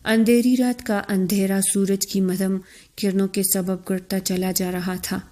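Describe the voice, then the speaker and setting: A woman narrating a romance novel in a steady, expressive reading. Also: mid-range voice.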